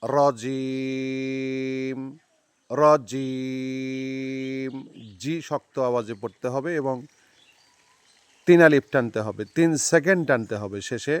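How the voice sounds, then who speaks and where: A man teaching careful recitation, repeating each word slowly and drawing out the sounds between explanations. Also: medium pitch, lively intonation, no room sound. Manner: slow, drawn-out model recitation between quick explanations. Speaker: religious teacher. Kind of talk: recitation lesson.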